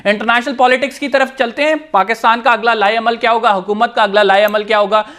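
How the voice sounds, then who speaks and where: A man's voice: very high-pitched, fairly even intonation, quick pace, a bit bright. A man with a Pakistani Urdu accent hosting a TV current-affairs interview, asking formal, long-winded questions. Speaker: TV talk show host.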